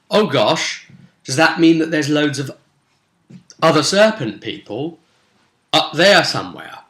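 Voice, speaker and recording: A game master recaps tabletop role-play sessions in a casual spoken recap with commentary, explaining things conversationally and rambling a bit. His voice is mid-range in pitch, bright and forward, and the recording sounds roomy and echoey.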